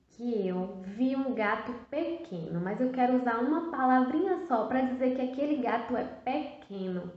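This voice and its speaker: A woman with a Brazilian Portuguese accent teaching a first-grade class in a recorded video lesson, stretching words out in a slow, sing-song teacherly way. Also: on the high side. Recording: very echoey, dull lo-fi sound.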